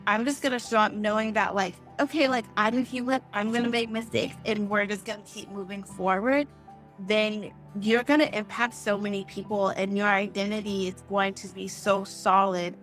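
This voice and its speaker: A woman's voice: medium pitch, steady tone, moderate pace, a bit bright, faint music behind. A young woman guest in a conversational interview, speaking earnestly with frequent "like" fillers. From born in Haiti, raised in East Africa and the US. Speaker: podcast guest.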